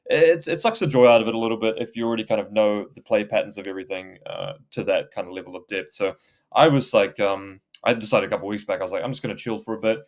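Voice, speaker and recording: Male co-host, low voice, rambling easygoing gaming chat full of "uh" and "like". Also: fast talker. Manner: rambling, many fillers and restarts, laughs easily. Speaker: podcast co-host.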